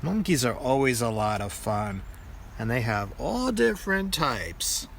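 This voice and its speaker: An older man with a grandpa voice reads a children's picture book aloud in a deliberate storytelling manner. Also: mid-range voice, big pitch swings, gravelly, fairly bright tone, a little hiss or hum.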